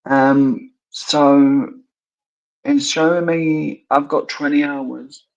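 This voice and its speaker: A man speaks very slowly in casual chat, with a gravelly, creaky voice. He talks haltingly and often answers with short murmurs, and his voice comes through a dull, lo-fi stream mic. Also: a little high, steady tone.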